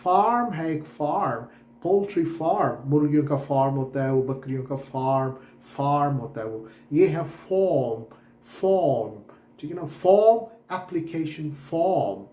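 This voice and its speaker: A man teaching English syllables in Urdu, repeating words slowly to correct common mistakes. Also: fairly high pitch, mellow, roomy sound. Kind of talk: classroom lesson on pronunciation. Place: classroom with whiteboard.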